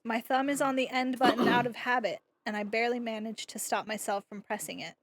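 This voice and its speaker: A woman's voice: a little high, fairly quick. Woman streamer reading a story aloud. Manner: expressive narration broken by playful jokes. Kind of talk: live-stream read-aloud with banter. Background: game music.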